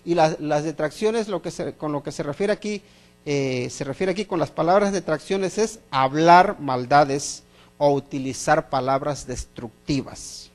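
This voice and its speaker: A man's voice: on the high side, a little slow, faint music behind. A middle-aged man preaching a sermon as pastor, emphatic, repeating phrases and asking the congregation questions.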